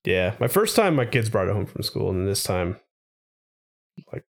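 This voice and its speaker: Slightly congested man with lively, swinging pitch. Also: normal speed. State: slightly congested from a cold-like illness. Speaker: podcast co-host. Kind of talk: casual tech podcast chat.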